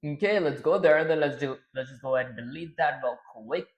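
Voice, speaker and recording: Fast-talking and fairly high-voiced, a man mutters easily to himself as he develops a game on a livestream, despite a strained throat and feeling lightheaded. The sound is lo-fi.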